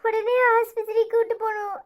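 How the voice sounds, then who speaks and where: A woman's voice: very high-pitched, monotone, brisk, slight background noise. A woman voicing a frantic young village woman who gives urgent, tearful orders, with a Tirunelveli Tamil accent.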